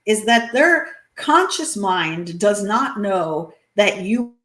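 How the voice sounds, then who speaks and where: A woman's voice: mid-range voice, big pitch swings, takes it slowly, fairly bright tone, reverberant. A woman being interviewed as an author, talking earnestly, with many fillers and restarts. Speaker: guest author. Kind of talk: interview conversation.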